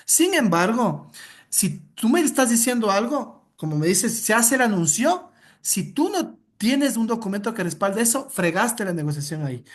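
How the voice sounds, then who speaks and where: Woman instructor, lively, direct, coaching, online class, video call audio, mid pitch. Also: normal speed. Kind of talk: interactive online lesson.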